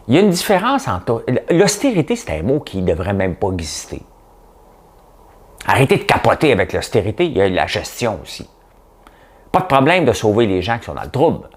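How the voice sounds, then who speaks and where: A man with a Québécois accent hosting a casual news commentary show, rambling and jokey with lots of fillers. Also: low voice. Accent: Québécois French.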